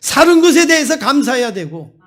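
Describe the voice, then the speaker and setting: This is a male pastor with a high-pitched voice, preaching a Sunday sermon. He moves between a told story and emphatic, rising exhortation to the congregation. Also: very animated, a little fast, a bit bright.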